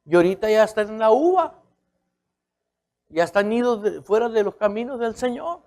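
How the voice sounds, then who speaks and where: A man's voice: high-pitched, lively intonation, normal speed, darkish tone. A male pastor, preaching a conversational sermon. He keeps checking in with his listeners and repeats key phrases for emphasis.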